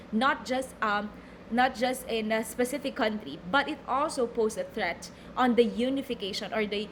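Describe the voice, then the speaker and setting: Her voice fairly high and a bit bright, a young woman from the Philippines delivers a recorded lecture in a Filipino accent. She reads off slides and explains with frequent fillers and repeated words, and there's slight background noise.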